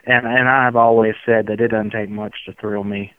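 A man from Tennessee with a slow, unflappable Southern drawl, talking reflectively as an interview guest. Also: lowish voice, flat delivery, smooth, no room sound. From outskirts of Memphis, Tennessee. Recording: muffled narrow phone-like line.

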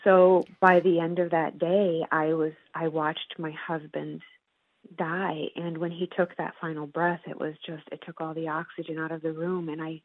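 A woman guest, a psychology professor and author, telling a personal story in an earnest, measured way with long pauses. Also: low-pitched, level tone, no echo. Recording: tinny phone-like line, dry.

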